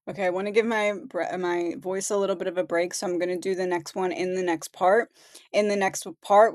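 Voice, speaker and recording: A woman's voice: medium pitch, darkish tone, no echo. Woman w/ a voice that's going, reading headlines + chatting about them, dead dry mic. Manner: conversational, reads headlines aloud. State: losing her voice. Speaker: host. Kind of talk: casual commentary.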